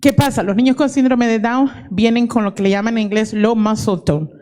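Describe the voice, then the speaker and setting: A woman's voice: a little high, steady tone, brisk, warm tone. Earnest woman sharing a personal testimony. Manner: earnest, emotional, mixes English words into Spanish. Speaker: audience member giving testimony. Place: conference hall.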